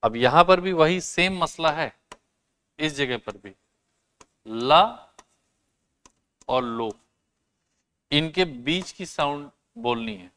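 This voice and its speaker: A male teacher with a smooth, clear voice pitched a little high, taking his time over every word. He explains step by step, asks his class questions and answers them himself, and sounds out example words slowly. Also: sing-song, bright, forceful tone. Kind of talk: classroom lesson.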